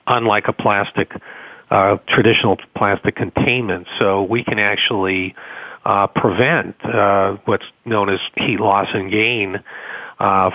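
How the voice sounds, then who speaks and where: A man's voice: fairly low pitch, no echo, phone-quality sound. A man with a Boston accent giving businesslike, technical explanations as an interview guest. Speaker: company representative, interview guest.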